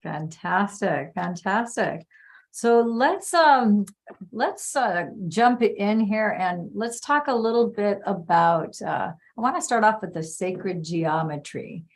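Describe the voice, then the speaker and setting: A woman's voice: medium pitch, expressive, slow pace. Upbeat woman hosting a live show. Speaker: host. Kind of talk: live online interview. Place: home in California.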